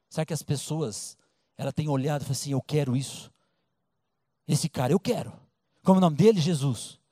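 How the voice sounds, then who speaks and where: A man preaching a sermon with a Brazilian Portuguese accent, telling a story in a colloquial, lively way and acting out the voices. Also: mid-range voice, no echo, studio quality. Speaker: pastor.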